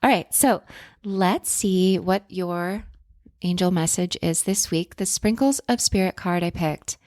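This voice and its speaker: Encouraging self-help influencer woman, lowish voice. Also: darkish tone, no room sound, studio quality. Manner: earnest, encouraging, affirming. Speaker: self-help podcast host. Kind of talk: self-help influencer talk, casual and spiritual.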